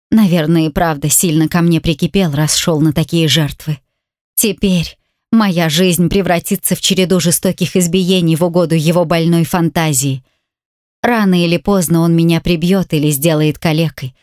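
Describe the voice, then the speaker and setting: A woman narrates a first-person audiobook in a tense, measured way. Her voice is on the low side, recorded close and completely dry. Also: a little mellow, no echo.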